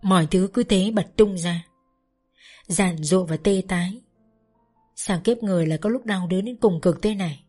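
A woman narrating a story in a measured, often slow and solemn storytelling voice. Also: medium pitch, a little mellow, husky, soft background music.

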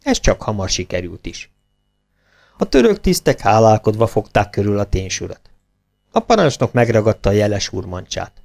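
A man reading a children's storybook aloud, expressive and animated. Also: on the low side, creaky, soft background music. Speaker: audiobook reader. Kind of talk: storybook narration.

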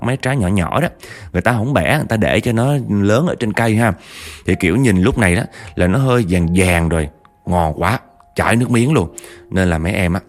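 A man with a Southern Vietnamese accent telling a spooky story in a chatty way, talking straight to his listeners. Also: sits low. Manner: chatty, addresses listeners directly, acts out quotes.

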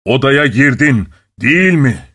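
A man voicing Bluebeard, a cruel nobleman who growls and speaks slowly and threateningly. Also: mid-range voice, animated, a bit bright, husky, no room sound, studio quality. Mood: roaring. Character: menacing cruel male nobleman, older.

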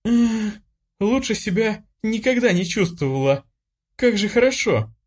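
A man's voice: high voice, very animated, moderate pace, voice pushed up. A male audiobook reader voicing a touchy, easily flustered teenage girl who bursts out indignantly. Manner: indignant outbursts.

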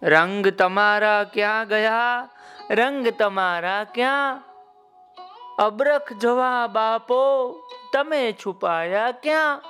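A man voicing a brave, cheerful little female ant who sings her lines slowly. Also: high voice, a bit bright, soft background music. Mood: sing-song. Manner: sing-song, playful.

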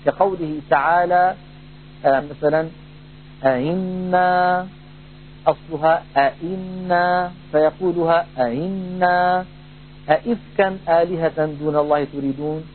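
A man teaching a Quran recitation lesson, explaining rules in a measured way and slowly drawing out recited examples. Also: fairly high pitch. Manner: measured, drawn-out demonstrations of recited words. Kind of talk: tajwid lesson with demonstrated recitation. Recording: tinny phone-like band, faint hum.

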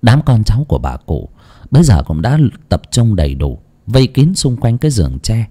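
A man narrating a story in an expressive, dramatic way. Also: on the low side, fairly quick. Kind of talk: scripted audiobook narration.

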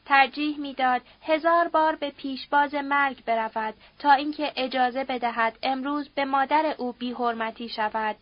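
A woman narrating a novel in a steady, dramatic storytelling manner. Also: sits high, hardly any pauses, dry recording, lo-fi sound. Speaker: audiobook narrator. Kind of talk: literary narration.

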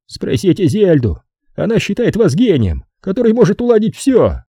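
A man's voice: sits high, wildly swooping pitch, normal speed, mellow, husky, no echo, clean studio sound, pitched above the performer's own voice, full character voice. A male audiobook narrator voicing a sulky, tired man who stubbornly pushes the problem onto someone else. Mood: grumbling. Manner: petulant and complaining.

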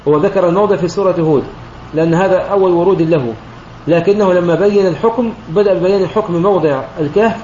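A high-pitched man speaks quickly as a sheikh teaching Quranic recitation, explaining a poem line by line. His voice sounds roomy and dull, like lo-fi online voice chat with faint noise behind it. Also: dark tone. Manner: methodical, often pauses to clear his throat and correct himself.

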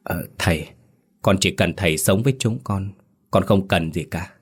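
A man voicing a tired, gentle village wife who speaks hesitantly and softly. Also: deep voice, normal speed, slightly rough. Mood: tearful. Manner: hesitant, soft-spoken. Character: middle-aged village woman, tired, gentle.

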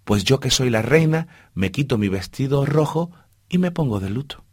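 A man voicing a haughty, scolding queen, with a husky voice. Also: mid-range voice, animated, moderate pace, a little mellow, no room sound, studio quality.

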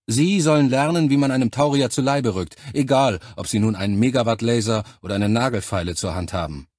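A man voicing a gruff male drill instructor who gives curt, loud orders to recruits in an audiobook. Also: mid-range voice, brisk, dry recording, clean studio sound, close to an everyday voice. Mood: lecturing.

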